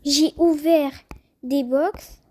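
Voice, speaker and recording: A young woman with a high, light voice chats her way through a game, talking straight to her viewers. She sounds excitable and casual, reacting to everything as she plays. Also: extremely slow. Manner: chatty, excitable, addresses viewers directly. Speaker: gaming youtuber. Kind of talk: casual gameplay commentary.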